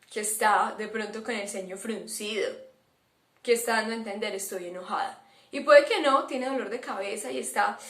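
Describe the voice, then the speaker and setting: A woman leads an informal talk for parents, her voice sitting a little high. She coaches listeners with rhetorical questions and checks in with them often. The recording carries a noticeable roomy echo. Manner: warm, coaching tone with rhetorical questions and frequent "¿vale?". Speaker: psychologist giving a talk to parents and caregivers. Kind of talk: informal lecture.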